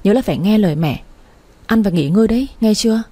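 A woman's voice: mid-range voice, fast talker, dark tone, lightly acted. A woman voicing a caring older mother who scolds her daughter fondly on the phone.

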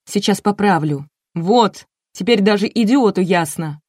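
Woman reading as a shouty bossy tv producer lady, loud and high, barks orders. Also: unhurried, no echo, studio quality, close to an everyday voice. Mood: bossy, snapping. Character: bossy irritable female TV producer. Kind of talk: audiobook reading.

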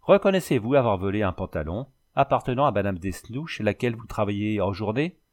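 A man's voice: on the low side, lively intonation, fairly quick, natural voice. A man voicing a stern, officious court president who questions the accused. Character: stern, nervous older male court president.

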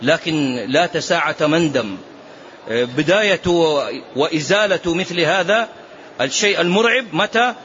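A man teaching a religious lesson as a sheikh, telling stories and urging his listeners with animated exhortations. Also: a little high, a little slow, long pauses. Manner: animated storytelling with urgent exhortations. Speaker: sheikh teaching a hadith book. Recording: dull lo-fi recording, faint hiss.

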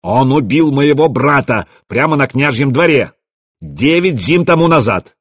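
A man voicing a furious Viking warrior who shouts hysterically, in an audiobook reading. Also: mid-range voice, lively intonation, unhurried, breathy edge, no echo, studio quality, voice pushed up. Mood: furious shouting.

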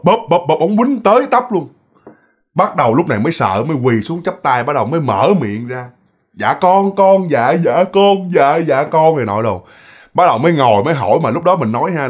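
A man with a Southern Vietnamese accent narrating a spooky tale as if chatting with friends. His voice sits a little high and he fills his talk with casual asides to the listeners. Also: slightly rough. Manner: chatty, addresses listeners, lots of fillers. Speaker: ghost story narrator. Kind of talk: casual spoken storytelling.

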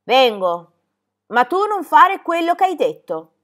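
A woman's voice: high voice, very animated, takes it slowly, a bit bright, voice pushed up, heavily acted. A woman reading aloud voicing a sulky, frightened shepherd boy who answers in curt outbursts.

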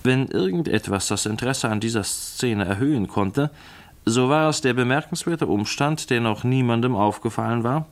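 A man reading a classic novel aloud as narrator, in a measured, clear storytelling manner. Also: mid-range voice. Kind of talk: scripted literary reading.

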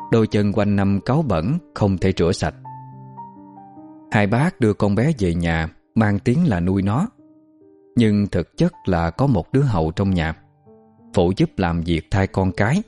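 A man narrating a story in an expressive, dramatic storytelling manner. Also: on the low side. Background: faint background music.

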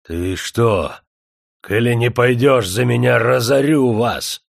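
A rich, arrogant old factory owner from a storybook, imperious and quick to raise his voice, as a man reads him. The voice is low and dry. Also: slightly rough, dry recording, exaggerated voice. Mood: angry, threatening. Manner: imperious, bursts into shouting. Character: rich, arrogant older male factory owner, hot-tempered.

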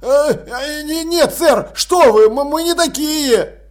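A man's voice: extremely high pitch, lively intonation, slow pace, voice pushed up, full character voice. A man voicing a frightened male leader of a band of thieves, stammering and pleading. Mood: whining.

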